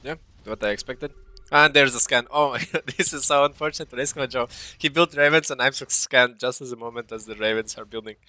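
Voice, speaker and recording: Man analysing a match with a bright tone. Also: mid-range voice, quick pace, dry recording. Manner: analytical, thinks aloud with many uhs. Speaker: esports caster. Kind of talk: live game commentary.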